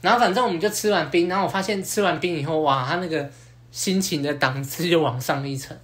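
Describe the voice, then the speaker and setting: A man's voice: a little high, fast. Young Taiwanese man telling a story. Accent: Taiwanese Mandarin. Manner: lively anecdote-telling, acts out quoted lines; casual slang and mild swearing. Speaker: podcast host. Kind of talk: casual storytelling chat.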